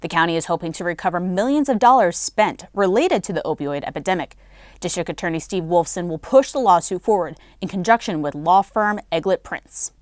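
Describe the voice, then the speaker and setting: A woman anchoring a student TV newscast, reading bulletins in a clear, formal way from a studio. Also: on the low side, expressive, brisk, dry recording. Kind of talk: read news bulletin.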